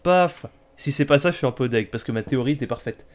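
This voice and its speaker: A man's voice: mid-range voice, fast talker. A man giving casual, joking commentary while playing a video game, talking back to it sarcastically. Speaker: let's play host.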